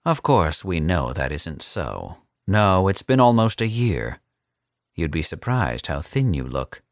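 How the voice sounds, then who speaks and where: Cold smooth older captor guy, read by a deep-voiced man, very low, slow and dry. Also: very animated, no echo, full character voice. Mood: condescending. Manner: smooth, unhurried and condescending. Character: older male captor, suave, cold and amused.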